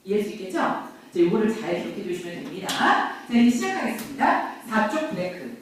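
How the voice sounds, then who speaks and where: A middle-aged woman teaching grammar to a classroom, lively, quizzing and teasing her students. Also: mid-range voice, brisk, slight background noise. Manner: lively, questions and teases students. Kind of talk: classroom lecture. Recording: very echoey classroom from far off.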